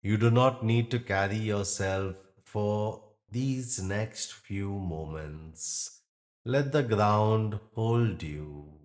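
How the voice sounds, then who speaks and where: In this guided meditation, a man with a deep voice speaks in an unhurried, gentle way. He lets long silences settle between his phrases, much as a yoga nidra instructor would while leading a relaxation.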